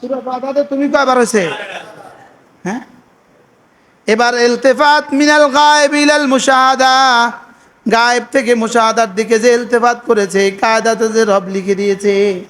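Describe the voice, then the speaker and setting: High-pitched guy preaching, keeps throwing questions at the crowd, recites prayers real slow. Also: steady tone, fairly bright tone. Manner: quizzes the listeners with repeated questions, recites Arabic prayers slowly. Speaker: Islamic preacher. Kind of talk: sermon.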